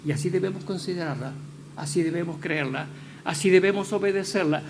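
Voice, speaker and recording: A man preaching a sermon in a church, stressing key words slowly and building to loud, firm declarations. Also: high voice, noisy background.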